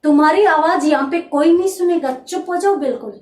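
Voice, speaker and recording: Bitter, taunting wife character, read by a woman teacher; high voice, echoey room. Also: a little fast, darkish tone, recorded from a distance, lightly acted. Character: angry wronged wife confronting a man.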